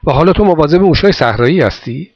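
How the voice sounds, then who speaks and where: A man reading a story voices a kindly bow-legged old man who speaks gently and coaxingly. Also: on the high side, expressive, no echo, pitched above the performer's own voice. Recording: dull dry recording.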